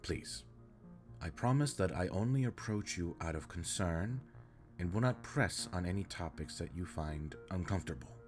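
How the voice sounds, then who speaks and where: A man playing an earnest, caring alien spaceship captain in an audio roleplay, speaking in stiff, formal, precise sentences. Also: low-pitched. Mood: earnest, reassuring. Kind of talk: scripted roleplay audio drama, addressing the listener.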